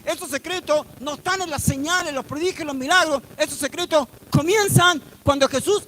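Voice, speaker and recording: High, bright-voiced man preaching. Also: moderate pace, slight background noise, poor audio. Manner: emphatic preaching with frequent rhetorical questions. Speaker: pastor. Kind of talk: sermon. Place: church hall.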